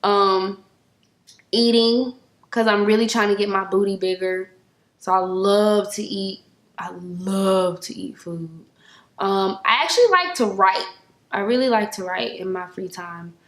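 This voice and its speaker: Slangy young woman vlogger, echoey room. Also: measured pace. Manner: animated, slangy, acts out quotes in high voices. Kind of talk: casual storytelling to camera.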